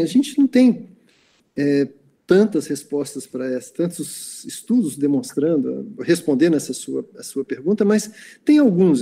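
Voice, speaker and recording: A Brazilian man answers questions after an online lecture, circling back with fillers and restarts as he explains. His voice sits a little high but has a dark, mellow tone. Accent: Brazilian Portuguese. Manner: hesitant, many fillers and restarts.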